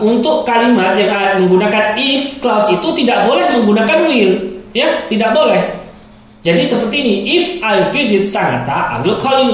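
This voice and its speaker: A male teacher giving a grammar lesson, explaining patiently and repeating and rephrasing his examples. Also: high voice. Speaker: English teacher. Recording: very echoey room.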